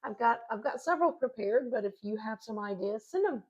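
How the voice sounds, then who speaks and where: A woman's voice: fairly high pitch, animated, a little fast, darkish tone. A woman in her fifties co-hosting a casual faith chat, losing her voice, repeating herself and trailing off, who also reads a prayer aloud. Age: 50s. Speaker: podcast co-host. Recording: dull lo-fi sound.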